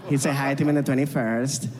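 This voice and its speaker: On a comedy club stage, a man from Venezuela does chatty, self-deprecating stand-up in a Venezuelan Spanish accent, talking with the audience. His mid-range voice carries a big-room sound over a noisy background.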